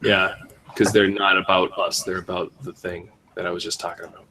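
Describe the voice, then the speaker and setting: Chatting casually on his podcast, a man jokes, rambles and mocks himself. He talks briskly in a deep, sharp voice with a flat delivery, over slight background noise.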